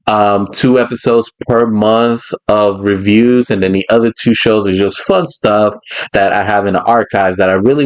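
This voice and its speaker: A man's voice: lowish voice, low-quality recording. A man hosting a podcast in casual chat, rambling and laughing often. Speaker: podcast host.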